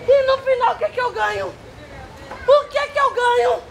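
A man's voice: very high voice, normal speed, gravelly. A man playing a wailing jilted bride. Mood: wailing lament. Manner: wailing, melodramatic. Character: lovesick jilted bride, young woman, dramatic. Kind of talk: street theatre comedy. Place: city street, outdoors. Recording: outdoor street crowd noise.

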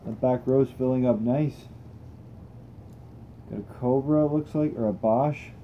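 On a toy car channel, a young male host with a mid-range voice talks a little slowly while testing cars on a table indoors. His chat is easygoing and wandering, full of thinking out loud, and the audio has its highs cut off plus a faint hiss or hum.

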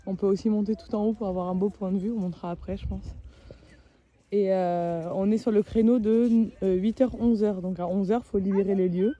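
Her voice is medium-pitched, steady, and dark in tone, and she speaks briskly. The travel vlogger chats casually to a handheld phone at arm's length on beaches and in a moving car, the audio muffled and noisy with wind and car noise.

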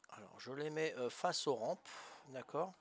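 Some slight background noise accompanies an older man from Corsica who streams a game and chats good-naturedly, regularly asking if he's got it right and using lots of "hein" and "voilà". His medium-pitched voice is lively in intonation and measured in pace.

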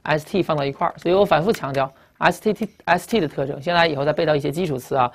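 A rapid-fire male teacher with a gravelly edge to his voice. He walks through vocabulary one word at a time, repeating key terms and spelling letters out. The lecture runs at a brisk clip. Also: fairly high pitch. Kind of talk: recorded classroom lecture.

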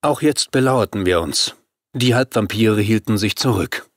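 A man reading a horror novel aloud as first-person narrator, in a steady, measured way. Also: fairly low pitch, dry recording, studio quality. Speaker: audiobook narrator.

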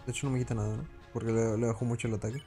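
A man's voice: mid-range voice, steady tone, racing, mellow, faint music behind. A man giving casual commentary while playing a video game, chatting to himself as he plays. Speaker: gaming channel host.

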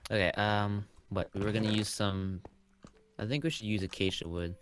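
Young male gamer host, low voice, laid-back, dry teasing. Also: normal speed, background noise. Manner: relaxed, teasing, gives directions. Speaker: channel host, game player. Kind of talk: casual gaming chat.

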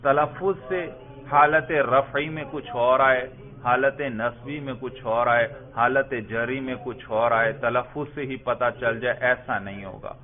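A man's voice: mid-range voice, steady tone. A man from Pakistan leads a classroom grammar lesson, throwing questions at his students and echoing back what they answer. He stretches out the example words in a chanting sing-song. The sound is thin and tinny, like a phone line. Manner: drawn-out chanting of word forms. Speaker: religious school teacher.

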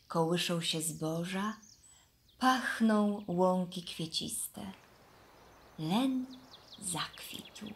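A woman reading a fairy tale aloud to children in a soft, expressive way. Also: fairly low pitch, a little hiss or hum. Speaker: storyteller for children.

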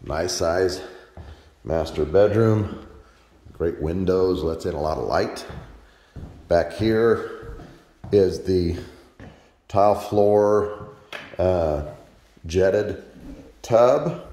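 A man giving a relaxed, plainspoken walkthrough tour of an empty house, filmed on a handheld phone. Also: sits low, a little hiss or hum. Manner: relaxed, plainspoken, with frequent pauses and fillers. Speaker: real estate agent. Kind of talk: casual walkthrough tour narration. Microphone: handheld phone camera. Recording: echoey empty rooms.

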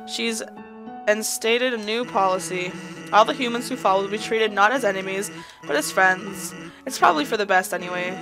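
A woman's voice: medium pitch, lightly acted. A woman voicing a laid-back male skeleton leaving a phone message in a video game, with game music behind her.

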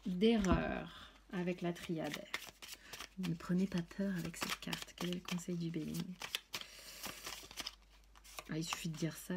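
A woman's voice: on the low side, heavy background noise. A woman doing a casual tarot reading, talking chattily with many fillers and restarts. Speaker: tarot reader.

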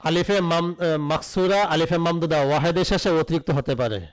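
A man's voice: fairly high pitch, quick pace, poor audio. A man teaching an online Arabic grammar lesson, spelling out root letters and asking questions that he answers himself.

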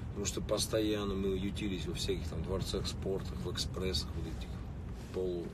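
A man in his late thirties livestreams from his car in city traffic, chatting casually with fans and greeting viewers by name. His voice sits low, steady and brisk, picked up by a phone mic held or mounted at arm's length, distant and full of street noise.

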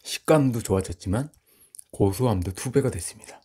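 A man's voice: fairly low pitch, expressive, brisk, dark tone, breathy edge. A man hosting an eating show, describing the food politely while chewing. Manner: polite, savoring commentary on food. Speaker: mukbang host. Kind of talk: casual eating show talk.

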